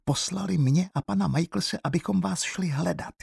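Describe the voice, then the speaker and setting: A frightened teenage schoolgirl lost in the wet bush, as a male audiobook narrator puts her on. Her voice sits far above his own and rushes out in urgent, breathless questions. A husky grain stays under it, and the reading sounds close and dry. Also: sits high, darkish tone, dry recording, voice pushed up, full character voice. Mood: anxious. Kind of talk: audiobook character voice.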